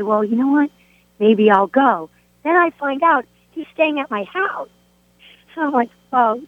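A woman's voice: a little high, no echo. Woman telling her story over a phone line. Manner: animated storytelling, acts out quoted speech. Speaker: guest sharing testimony. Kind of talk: personal faith testimony. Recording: tinny phone line, dry.

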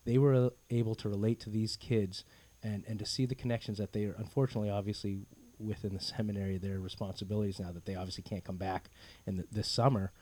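A man's voice: fairly low pitch, flat delivery, fast, dark tone. A man speaking as a guest in a conversational radio interview, representing an organisation.

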